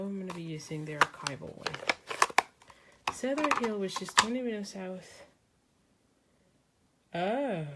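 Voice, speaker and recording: This crafting host, a native-speaking woman from Mexico, has a mid-range voice, and the recording is very noisy. During her live demonstration she chats, thinks out loud as she works, uses plenty of ums, and answers comments from viewers.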